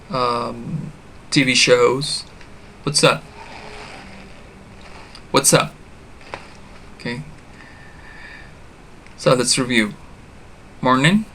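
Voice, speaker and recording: Male teacher, beginner English lesson; slow and deliberate, bright tone, repeats phrases for learners, corrects himself with "sorry". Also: medium pitch, slight background noise. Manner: repeats example phrases slowly for learners to copy.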